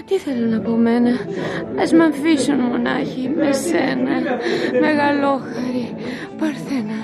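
An actress voicing a young village woman pouring out a desperate prayer, her voice sitting a little high. Loud music plays behind her throughout this radio drama. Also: vocal fry. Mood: frightened. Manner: pleading, fervent prayer. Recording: music playing underneath.

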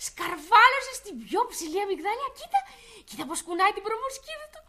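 A lively, high-voiced little girl. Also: noisy background. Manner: high, lively, sing-song and childlike. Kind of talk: children's show acting. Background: music.

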